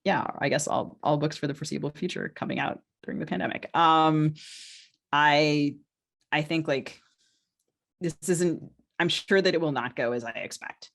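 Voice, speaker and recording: A woman speaks in a deep, creaky voice at a normal speed, casually discussing writing as a podcast co-host and novelist. Informal and quick to put herself down, she often gropes her way toward a phrase.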